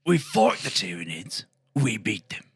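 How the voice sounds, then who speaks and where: A man's voice: on the low side, wildly swooping pitch, unhurried, voice pushed down, full character voice. A man growling as a boastful brawling ork warrior. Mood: scheming. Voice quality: gravelly, growling. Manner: brash and loud, fond of shouting boasts. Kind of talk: improvised in-character debate.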